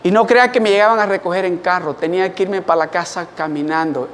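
A man preaching a sermon as pastor, an animated storyteller calling on the congregation to respond. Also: high voice, fast, long reverb tail, slight background noise.

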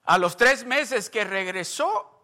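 A man's voice: sits high, animated, takes it slowly, pushed and bright. A male pastor preaching a sermon, telling a testimony story and acting out its dialogue, then rising into emphatic preaching.

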